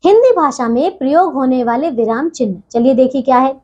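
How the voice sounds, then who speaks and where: A woman teaching a grammar lesson to children, patient and steady, pausing between phrases and often checking they follow. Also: high voice, dull audio. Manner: patient, keeps asking "theek hai bachchon?"; leaves deliberate pauses between phrases.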